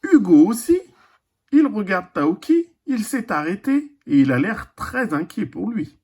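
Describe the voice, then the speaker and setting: A primary school teacher giving a recorded reading lesson to young children, speaking slowly and deliberately, repeating each word. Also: medium pitch, big pitch swings, a little mellow, husky. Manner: slow, deliberate, repeats and stretches words.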